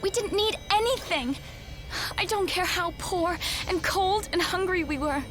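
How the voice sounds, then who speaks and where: Desperate young thief sister in a game, very high, slow and drawn out, game music behind. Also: female voice, fairly bright tone. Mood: pleading. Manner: pleading and desperate. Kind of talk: video game voice acting.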